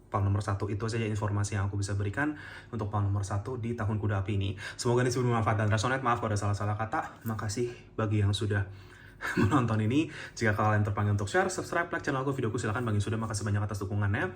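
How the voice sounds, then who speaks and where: Soft-spoken low-voiced man reading tarot. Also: racing, slight background noise. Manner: gentle, chatty, many fillers and soft laughs. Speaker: tarot reader. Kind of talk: casual tarot reading to camera.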